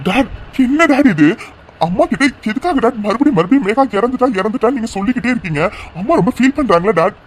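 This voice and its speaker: A man voicing a calm, reassuring young adult son in a cartoon drama. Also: extremely high pitch, quick pace, a little hiss or hum. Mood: soothing. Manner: gentle, reassuring. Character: grown son, calm and soothing.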